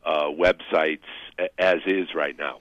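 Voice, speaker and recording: A low-voiced man calls in to a radio show over a dull, dry phone line. He speaks haltingly, with many pauses and restarts. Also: fairly even intonation, no echo. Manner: hesitant, halting. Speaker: radio caller. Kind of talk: casual call-in talk.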